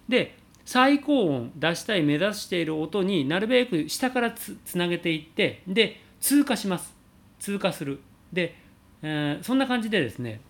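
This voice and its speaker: A man teaching singing, calmly answering a viewer's question about high notes and showing sung slides. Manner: explains calmly, demonstrates sliding sung vowels.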